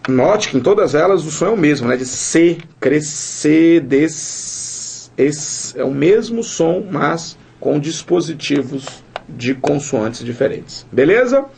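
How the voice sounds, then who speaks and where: A man's voice: a little high, expressive, unhurried, vocal fry, a little mellow, a little hiss or hum. A man with a Brazilian Portuguese accent teaching a recorded lesson, keeps checking in with the viewer through tag questions.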